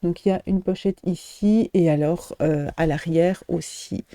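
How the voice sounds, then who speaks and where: A woman's voice: on the low side, fairly even intonation, measured pace, mellow, no room sound, studio quality. A middle-aged woman shop owner chatting casually in a show-and-tell vlog, hesitating often with fillers and restarts.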